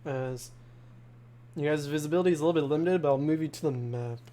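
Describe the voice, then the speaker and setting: A man running a tabletop game, pitched a touch above most men. He describes the scene slowly and unevenly, stopping to correct himself and padding it with fillers. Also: dark tone. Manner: halting, descriptive, full of "uh" and "like". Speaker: game master.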